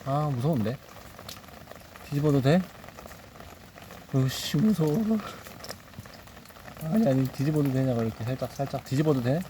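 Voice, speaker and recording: A man's voice: mid-range voice, fairly quick, mellow. A man vlogging outdoors, nervously muttering to himself and coaxing an animal along. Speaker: nature vlogger. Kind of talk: casual self-talk while handling an animal. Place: outdoors by a reservoir on a rainy day. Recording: outdoor recording with clear background noise.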